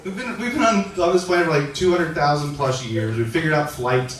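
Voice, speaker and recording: A man's voice: fairly high pitch, fairly quick, crowd noise. Stand-up man in an echoey club. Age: 40s. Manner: deadpan storytelling with shouted bursts for voices. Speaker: stand-up comedian. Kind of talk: stand-up set. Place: comedy club stage. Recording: echoey club from far off, noisy. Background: audience laughter.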